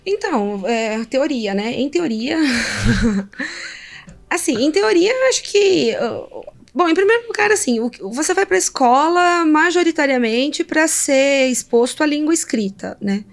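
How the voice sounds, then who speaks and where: A woman professor explaining language variation in a relaxed, animated way, often laughing and demonstrating sounds. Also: high voice, a little slow, vocal fry. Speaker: linguistics professor guest. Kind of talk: conversational explanation.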